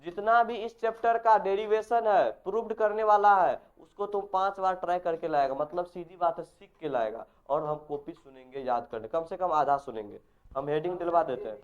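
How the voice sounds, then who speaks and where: A man's voice: sits high, normal speed, clear, resonant tone, dull audio. A male physics teacher, giving a classroom lecture and quizzing his students. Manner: instructive, assigns homework and quizzes the class with repeated questions.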